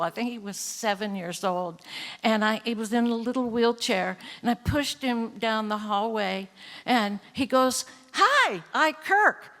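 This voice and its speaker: An older woman recounts a true story on a theater stage, taking her time with each line in a fairly high voice. She is wry and laughs easily, correcting herself as she goes. Her words ring out with a long hall reverb. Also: a bit bright. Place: theater stage before an audience.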